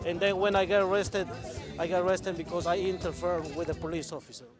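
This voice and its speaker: A man with a fairly high voice speaks hesitantly in broken English, stumbling over his words. Clear music plays behind him outdoors. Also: level tone, fast talker. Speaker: interviewee. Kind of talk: street interview.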